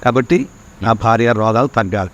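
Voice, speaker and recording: Fast-talking man giving an emotional testimony. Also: lowish voice, fairly bright tone, dull audio. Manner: fervent storytelling, acts out his prayers and God's replies. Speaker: songwriter guest.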